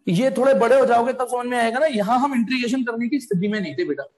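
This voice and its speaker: Brief: very high-voiced male tutor, jokey and pushy, echoey room. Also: quick pace. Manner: playful, jokey, coaxing students to answer. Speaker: physics teacher. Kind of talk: live online class lecture.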